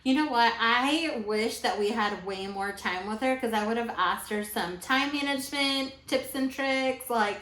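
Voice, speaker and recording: A woman's voice: on the high side, a little slow, few pauses, a bit bright. A woman co-hosting an investing podcast, chatting with upbeat enthusiasm. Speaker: podcast co-host. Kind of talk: casual podcast chat. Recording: roomy echo.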